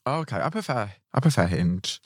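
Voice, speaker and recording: Animated, teasing man hosting a chat. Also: mid-range voice, fairly quick, dry recording, clean studio sound. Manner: teasing, candid. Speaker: podcast host. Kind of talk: casual chat.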